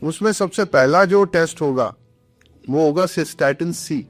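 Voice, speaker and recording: A man's voice: a little high, a little slow, dry recording, faint music behind. A man who is a doctor, explaining kidney health earnestly on a podcast, switching between Hindi and English phrases.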